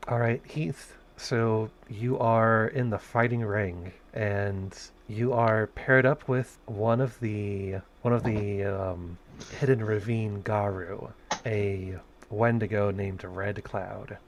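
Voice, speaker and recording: A man's voice: fairly low pitch, steady tone, slow pace. A man narrating a tabletop game as game master, hesitant, restarting phrases and counting dice aloud.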